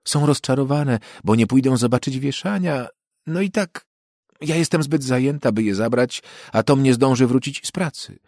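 A man's voice: mid-range voice, moderate pace, darkish tone, dry recording, studio quality, voice pushed up, natural voice. A man doing a flustered, nervous housewife. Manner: nervous, hesitant. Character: flustered, dim middle-aged housewife.

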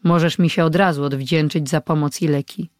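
An old hermit healer and sorcerer, played by an audiobook reader, gives orders with calm authority. He speaks like a stern elder who expects to be obeyed. The storybook recording is dry, with no room sound. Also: medium pitch, fairly quick, no room sound, close to an everyday voice. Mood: earnest. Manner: commanding, authoritative. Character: old male mountain healer and sorcerer, commanding.

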